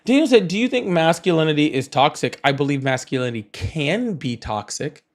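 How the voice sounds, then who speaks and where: A man's voice: a little high, expressive, fairly quick. A man hosting a live stream in casual chat, his mic cutting in and out so the volume is uneven. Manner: blunt, talks straight to viewers. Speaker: livestream host taking callers.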